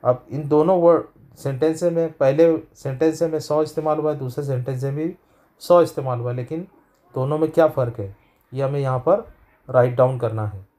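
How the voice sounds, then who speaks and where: A man teaching an English lesson, explaining in Hindi-Urdu and reading English prompts slowly. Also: fairly high pitch, warm tone.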